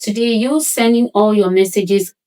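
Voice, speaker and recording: A woman's voice: medium pitch, moderate pace, mellow, clear, resonant tone, poor audio. A woman hosting a talk show, supportive and affirming as she prompts her guest. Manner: supportive, with frequent short affirmations.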